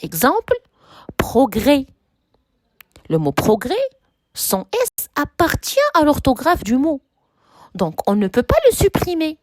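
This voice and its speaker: A woman teaching a French grammar lesson, slowly spelling out examples and repeating key words with emphasis. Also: on the high side. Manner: slow, deliberate, repeats and stresses example words. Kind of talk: classroom-style grammar lesson.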